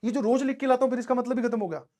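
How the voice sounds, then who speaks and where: A male teacher speaks very fast in an extremely high, mellow voice with fairly even intonation. He's giving students a conversational motivational talk, telling anecdotes from his student days and repeatedly checking that they understand.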